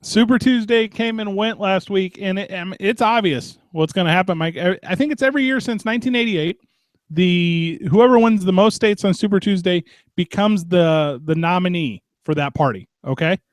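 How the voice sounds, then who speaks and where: Playful high-voiced radio co-host. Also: male voice, normal speed, no room sound. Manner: playful, teasing. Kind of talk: casual chat.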